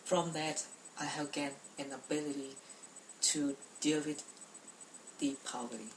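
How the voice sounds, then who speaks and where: A woman's voice: deep voice, flat delivery, a little slow, reverberant, recorded from a distance, a little hiss or hum, rough recording. A young woman from Cambodia giving a prepared class speech, speaking carefully with frequent restarts and repeated words.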